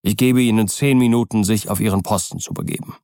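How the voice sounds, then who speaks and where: Man reading as a stern lawyer, commanding, gravelly, low voice, dry sound. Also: fast, warm tone, no echo, close to an everyday voice. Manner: firm, commanding. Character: stern determined male lawyer, middle-aged.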